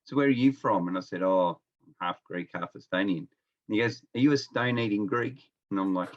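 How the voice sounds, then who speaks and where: Talking a bit quickly in a lowish voice, a middle-aged man from Melbourne tells relaxed, colloquial stories as an interview guest and experienced nurse. He's on a remote call at home, with the high frequencies missing from the sound.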